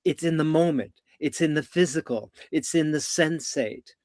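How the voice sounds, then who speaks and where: An older man, a coach and therapist, talking in a live video conversation, measured and animated as he tells stories. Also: fairly high pitch, dry recording. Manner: measured, animated storytelling with voiced vocal sounds.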